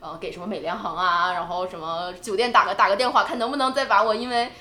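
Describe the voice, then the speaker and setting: A woman co-hosting a podcast in casual chat, animated and talking in quick bursts with restarts. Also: mid-range voice, roomy sound. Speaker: podcast co-host.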